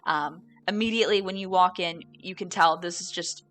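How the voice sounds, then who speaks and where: A young woman narrating as game master, relaxed and halting, with many fillers. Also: lowish voice, faint music behind.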